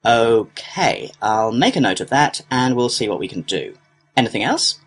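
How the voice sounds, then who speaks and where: Reading scripted customer-service dialogue for a listening test, a man portrays a complaints clerk who is courteous, businesslike, helpful and procedural. His husky, medium-pitched voice moves at a moderate pace with big pitch swings.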